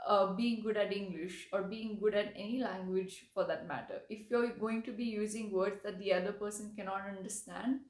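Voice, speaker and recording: A woman's voice: medium pitch, steady tone, moderate pace, hardly any pauses, reverberant. A woman teaching English vocabulary, explaining patiently and often checking in with "right?". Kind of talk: vocabulary lesson.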